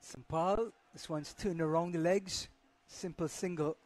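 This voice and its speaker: A man's voice: on the high side, steady tone, measured pace, darkish tone. A man commentating live on a cricket match as the play happens.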